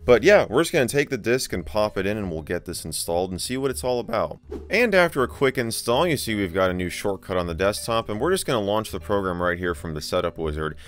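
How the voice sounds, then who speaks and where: A man hosting a tech video, narrating a software demo in a casual, conversational, wryly amused way. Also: lowish voice, lively intonation, fast talker, hardly any pauses. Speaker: host of a tech video channel.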